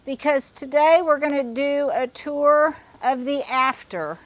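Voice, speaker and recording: A woman's voice: high-pitched, unhurried, dull audio. An older woman giving a casual tour of her backyard garden, chatty and a little out of breath, with frequent restarts as she talks outdoors. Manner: chatty, digressive, restarts often. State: slightly out of breath. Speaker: garden vlogger.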